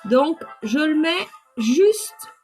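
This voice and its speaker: Chatty woman in her fifties, high voice. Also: big pitch swings, extremely slow, darkish tone, faint music behind. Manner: chatty, rambling, talks straight to viewers. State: runny nose. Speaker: makeup seller doing a live video. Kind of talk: casual live makeup demo.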